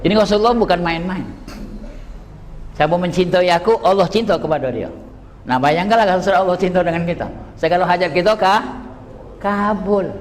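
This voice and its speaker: A man in his sixties with a Palembang Malay accent, preaching an emotional sermon that swings from low talk to high cries. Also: moderate pace, long pauses, a little hiss or hum. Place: large prayer hall at a religious gathering. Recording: echoey hall with long reverb.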